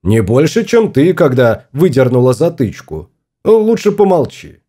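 A man's voice: medium pitch, wildly swooping pitch, measured pace, warm tone, breathy edge, heavily acted. A man voicing a stubborn, fussy husband exploring space in an audiobook, grumbling and obstinate.

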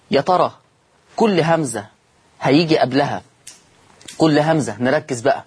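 Husky Egyptian sheikh teaching recitation. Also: male voice, a little high. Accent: Egyptian Arabic. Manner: repeats points slowly, asks the audience questions. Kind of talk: televised religious lesson.

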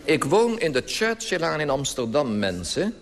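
A man's voice: on the high side, big pitch swings, moderate pace, in a large hall, very noisy. A man delivering a dry, mocking satirical monologue for old radio.

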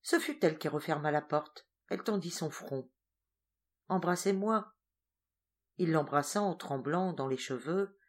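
Calm woman reading an audiobook. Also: low voice. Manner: calm, measured storytelling. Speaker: audiobook reader. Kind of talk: audiobook narration.

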